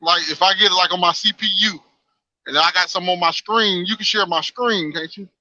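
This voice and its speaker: Bright-voiced man on a muffled call. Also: high-pitched, no echo. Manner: halting, fills with "uh" and "like". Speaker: caller. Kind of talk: casual chat. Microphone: phone on a call while outside.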